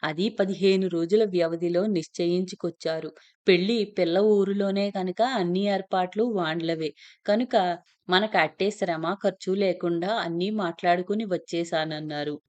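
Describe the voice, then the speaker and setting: A woman narrating a first-person story in a steady, plain telling voice. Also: on the low side, normal speed.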